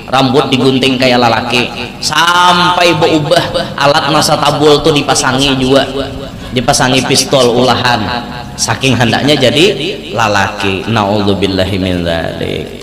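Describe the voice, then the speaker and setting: A man preaching a sermon with a Banjar Malay accent, animated, jumping from loud high bursts to low hushed warnings, with joking asides. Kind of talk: sermon to a live crowd. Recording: echoey hall with crowd.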